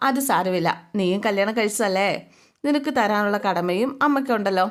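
A woman's voice: medium pitch, a little fast, close to an everyday voice. A woman voicing a firm older mother-in-law who lectures her son's wife and then fusses kindly over her, in a retold TV serial story. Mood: reassuring.

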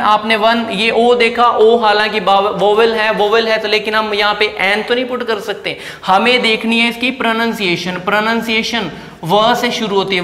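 A man's voice: high voice, sharp tone. A male teacher explaining an English lesson in a classroom, talking step by step and asking the class rhetorical questions. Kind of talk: classroom lecture. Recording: echoey room with long reverb.

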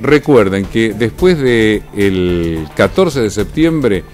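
A man's voice: fairly low pitch, animated, slow pace, darkish tone, soft background music. A man anchoring the news, commenting conversationally in the studio with frequent fillers. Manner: conversational, explanatory, many fillers.

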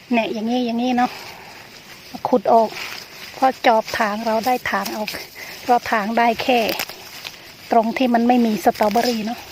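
Older woman vlogging outdoors, higher-pitched voice. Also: rough recording. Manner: chatty show-and-tell, often pointing things out. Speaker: gardening vlogger. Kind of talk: casual vlog chat while gardening. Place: outdoors in a rural garden. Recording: outdoor recording with clear background noise.

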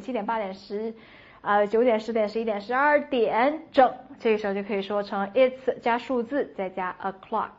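A woman teaching an English lesson, drilling phrases with clear, emphatic repetition. Her voice sits fairly high. The audio is dull and lo-fi. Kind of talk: online English lesson for Chinese learners.

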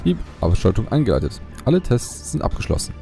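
A man's voice: low voice, very animated, brisk, vocal fry, dark tone, exaggerated voice. A man voicing a robot powering down. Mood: mechanical. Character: cold machine voice announcing shutdown. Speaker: gamer reading game dialogue aloud. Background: game music.

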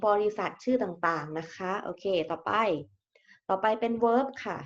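A woman's voice: mid-range voice, lively intonation, unhurried, highs cut off. A woman teacher giving a recorded grammar lesson, explaining English terms and often repeating words.

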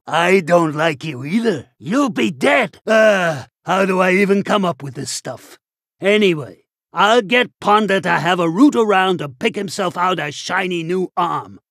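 An actor playing a cocky, menacing, trigger-happy outlaw doctor in a video game, gruff and boastful with a gravelly, slangy delivery. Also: male voice, sits high, animated, measured pace, fairly bright tone, dry recording, clean studio sound, full character voice. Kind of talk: animated video game character acting.

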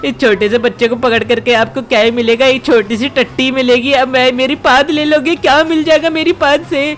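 A woman uses a high, fairly quick, lightly acted voice to play a cheeky, panicky little boy in in-character gameplay commentary. She whines, lets out excitable exclamations, and addresses viewers.

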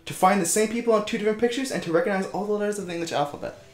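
A man's voice: high-pitched, rapid-fire. Joking man reading pigeon trivia, echoey. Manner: joking, swears, reads facts in a mock-serious tone. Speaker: let's play co-host. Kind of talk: casual gameplay banter, reading trivia aloud. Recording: roomy echo with faint music.

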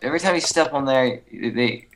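A man's voice: mid-range voice, lively intonation, normal speed, over music. A man casually commentating a block-building game, nervous and cautious, repeatedly warning his partner about traps. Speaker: game video co-host.

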